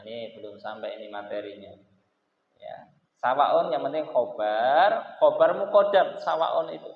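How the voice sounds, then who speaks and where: A man with an Indonesian accent teaching a Quran commentary lesson, explaining grammar and chanting Arabic phrases. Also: a little high. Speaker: Islamic teacher. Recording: echoey hall, tinny phone-like audio.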